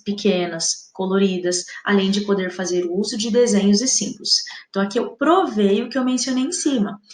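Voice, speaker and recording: A woman's voice: medium pitch, reverberant. A woman teaching an exam-prep lesson with a Brazilian Portuguese accent, explaining patiently and often checking in with the viewer.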